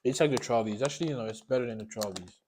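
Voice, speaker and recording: A man's voice: mid-range voice, very fast, a little mellow, a little hiss or hum. A man giving a casual, unscripted taste-test review while eating sour candy, often repeating and rephrasing himself.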